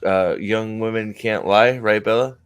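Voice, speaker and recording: A man's voice: lowish voice, steady tone, measured pace, clear, resonant tone, soft background music. Rambling forty-something male streamer. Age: 40s. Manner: rambling, joking, lots of restarts and fillers. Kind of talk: casual chat.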